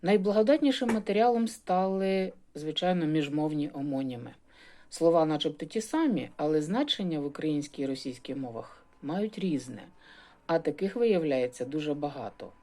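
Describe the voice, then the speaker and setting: A woman philologist, likely middle-aged, lecturing on phonetics in a lowish, warm, mellow voice. She explains patiently with a dry ironic edge and pauses to model sample pronunciations. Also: lively intonation. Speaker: university philologist. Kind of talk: prepared talk on phonetics.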